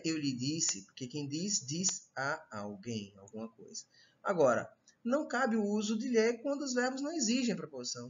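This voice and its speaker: A man's voice: high voice, dull audio, slight background noise. A man teaching a recorded online Portuguese grammar lesson with a Brazilian accent, explaining step by step and checking in with his students often. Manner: explanatory, repeats "tá?" and "certo?" checks.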